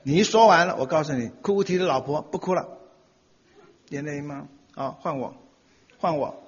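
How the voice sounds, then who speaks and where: Speaking on marriage, a middle-aged man with a husky, highish voice gives a humorous talk to an audience at a slightly fast clip. He tells stories animatedly, acts out quoted voices, and laughs often, captured in dull lo-fi audio with a long hall reverb.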